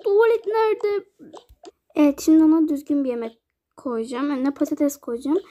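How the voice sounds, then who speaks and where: A very high, light female voice narrates a casual life-sim game. She chats along and plays out little scenes with her characters. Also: fairly even intonation, brisk, warm tone. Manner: chatty, plays out scenes with dolls.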